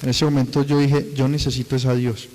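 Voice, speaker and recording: A man's voice: medium pitch, flat delivery, fairly quick, a little mellow, in a large hall, poor audio. A man giving a personal church testimony, telling it earnestly with many repetitions.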